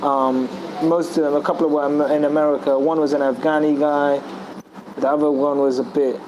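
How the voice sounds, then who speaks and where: Speaking a little fast in a level tone, a guest in a relaxed group discussion meanders through a story from his own life, stumbling over restarts and fillers. His voice is slightly high, and noise can be heard behind him.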